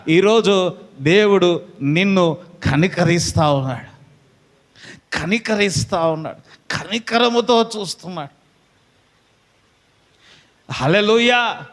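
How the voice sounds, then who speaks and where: A man's voice: sits high, lively intonation, slow pace, long pauses, fairly bright tone, big-room sound. A pastor preaching a fervent sermon to his congregation, calling out amen and hallelujah again and again.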